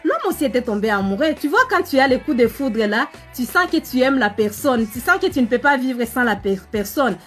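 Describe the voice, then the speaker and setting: Over soft background music, a relationship coach with an African French accent runs a live stream, addressing viewers directly as she chats and tells a story. Her voice sits high and moves a little fast with few pauses, animated and full of fillers.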